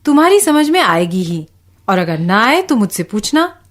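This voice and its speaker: An actress playing a patient aunt who retells a story to children in a radio lesson, reading very slowly and clearly like a teacher. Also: female voice, medium pitch, big pitch swings, lightly acted. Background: background music.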